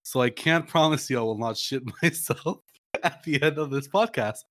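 A man's voice: mid-range voice, moderate pace, a bit bright, no echo, clean studio sound. A young man from Puerto Rico in casual podcast banter, blunt and foul-mouthed.

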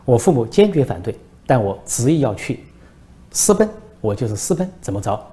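A man voicing a calm, bold young woman who answers questions with composed, matter-of-fact retorts. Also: mid-range voice, brisk, natural voice. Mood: calm, deadpan.

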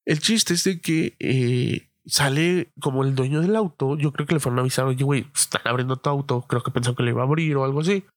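A man's voice: mid-range voice, fairly quick, hardly any pauses, dry recording, clean studio sound. A young man casually telling a personal anecdote, rambling, slangy and full of fillers and swearing.

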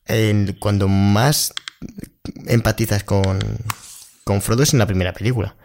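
A man co-hosting a casual podcast, rambling with restarts and animated retellings. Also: on the low side, unhurried, slight background noise. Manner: rambling, restarts and acted-out quotes. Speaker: podcast co-host. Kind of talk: casual chat.

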